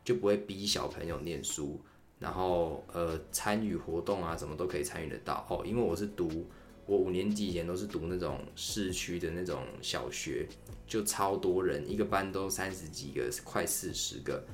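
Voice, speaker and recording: A man's voice: low voice, normal speed. A young man, hosting a podcast and telling a story in a candid, rambling, chatty way. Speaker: podcast host. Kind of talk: casual solo storytelling.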